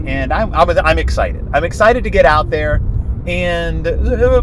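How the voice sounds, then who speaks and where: A man in his forties hosting a podcast while driving, talking in a rambling, self-deprecating way with theatrical asides. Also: a little high. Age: 40s. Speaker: podcast host. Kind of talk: casual solo monologue. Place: inside a moving car. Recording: road noise from a driving car.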